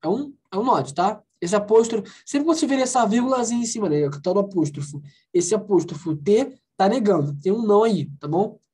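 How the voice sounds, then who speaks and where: Casting: woman from Brazil, English teacher on a video call, animated pitch, a bit husky, coaxing the class. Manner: lively, coaxing, asks the class questions and drills phrases slowly. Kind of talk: online class explanation.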